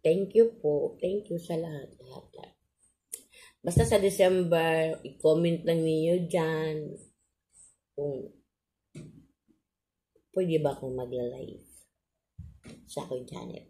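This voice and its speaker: A Filipino woman with a low-pitched voice chats casually to her viewers. Her speech is slow and halting, shaped by missing front teeth. She is polite and often repeats her words. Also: warm tone, low-quality recording. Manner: polite, halting, with frequent repetition. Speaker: vlogger.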